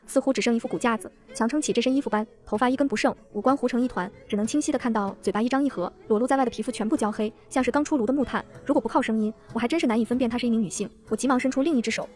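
A woman narrating a comedic first-person novel as an audiobook, brisk and lively. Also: fairly high pitch.

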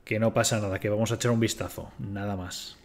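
A man's voice: fairly low pitch, fairly even intonation, fairly quick, a little hiss or hum. A man from Spain, swearing and talking to himself as he streams a game. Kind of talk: casual live gameplay commentary.

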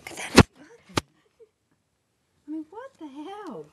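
A woman in her thirties complains and swears her way through getting dressed in a small home closet. Her high voice swings widely between exasperated outbursts and mutters. A faint hiss sits under the handheld camera recording. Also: big pitch swings, measured pace. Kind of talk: casual home video chat. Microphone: handheld camera filmed by her child.

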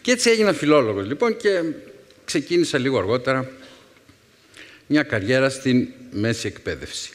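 A man's voice: medium pitch, expressive. Man telling stories in a reverberant hall. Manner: anecdotal, wry, with thoughtful pauses. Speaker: secondary school philology teacher and speaker. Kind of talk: storytelling talk to a young audience.

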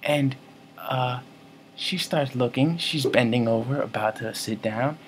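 Rambling deadpan comic vlogger man. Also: medium pitch, measured pace, slight background noise. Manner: rambling, self-correcting, mock-serious. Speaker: comedy vlogger. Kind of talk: deadpan comic storytelling to camera.

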